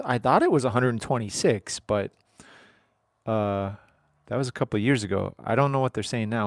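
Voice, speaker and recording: A man's voice: on the high side, dry recording, clean studio sound. Rambling, joking man in his thirties. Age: 30s. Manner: rambling, joking asides to viewers. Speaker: livestream host. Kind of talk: casual live-stream chat.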